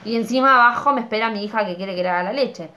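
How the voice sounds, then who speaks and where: A woman's voice: a little high, pushed and bright. A woman with an Argentine accent, tipsy from wine, ranting and complaining in casual chat, swearing as she goes. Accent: Argentine Spanish. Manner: rapid, swearing, complaining rants.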